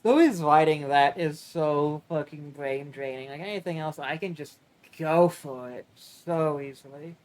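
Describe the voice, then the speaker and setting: A man's voice: fairly high pitch, unhurried. A man streaming live, chatting casually and rambling, swearing freely and drawing out his words.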